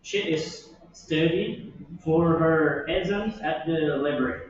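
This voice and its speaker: Slow-reading male student in an echoey classroom. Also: a little high. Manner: slow, careful reading aloud. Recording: distant, echoey, muffled classroom recording.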